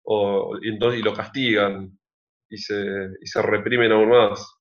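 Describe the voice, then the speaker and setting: A lower-pitched Argentine man speaks as a guest in a casual conversation, laying out his thoughts in a reflective, measured way. His audio comes through dull and lo-fi. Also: level tone. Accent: Argentine Spanish. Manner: reflective, measured explanations with fillers. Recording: dull lo-fi sound.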